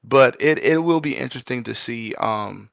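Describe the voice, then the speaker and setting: A man's voice: mid-range voice, normal speed, creaky, a bit bright, no echo, lo-fi sound. A man co-hosting a casual podcast in a laid-back way, telling little stories from his day. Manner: laid-back, says "y'all", storytelling asides. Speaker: podcast co-host.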